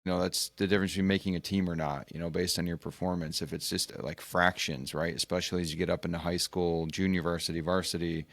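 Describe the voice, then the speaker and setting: A man hosting a casual interview as a physical therapist, talking haltingly with many restarts. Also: deep voice, level tone, vocal fry, fairly bright tone, no echo. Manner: halting, searching for words. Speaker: physical therapist and podcast host.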